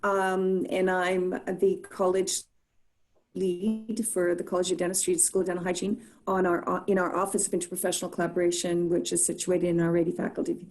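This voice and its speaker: A woman's voice: lowish voice, monotone, brisk, a little mellow. A woman from Canada who leads a dental hygiene program, introducing herself on a video call and listing things methodically. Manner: orderly, lists things methodically.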